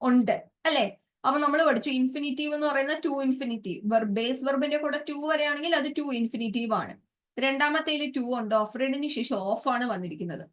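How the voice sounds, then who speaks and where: A woman with a Malayali accent and a somewhat high, slightly bright voice takes her students through English grammar and vocabulary for an exam. Questions to the class come often, and she repeats and spells out words slowly.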